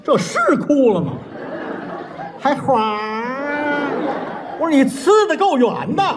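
High, animated crosstalk straight man. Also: a crowd in the background. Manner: quick deadpan retorts and rebuttals. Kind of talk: xiangsheng crosstalk performance. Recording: live stage recording with audience and noise.

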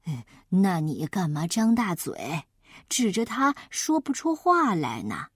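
A woman voicing a kindly, hard-of-hearing old grandmother, speaking low and softly with a doting manner. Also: very animated, takes it slowly, husky, no room sound, studio quality, heavily acted.

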